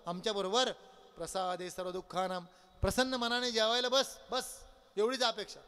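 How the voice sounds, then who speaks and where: A man voicing a gentle, fatherly male god who softly coaxes a weeping devotee, in a sermon story. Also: high-pitched, fairly even intonation, normal speed, clean tone, big-room sound. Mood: coaxing.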